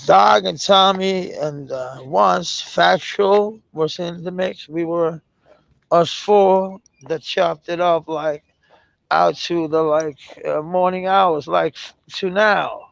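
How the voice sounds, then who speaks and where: Danish-accented man, casual streamer, gravelly, slow drawl, profane and rambling, dull lo-fi mic. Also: high-pitched, fairly even intonation, a bit bright, no echo. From Denmark. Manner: rambling, profane, laughs often. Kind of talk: casual livestream chat.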